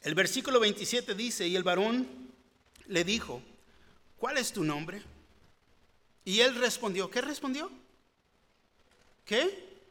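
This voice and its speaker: High-voiced man preaching a sermon. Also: lively intonation, takes it slowly, long pauses, pushed and bright. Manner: earnest, rising to fervent pleading. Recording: long hall reverb.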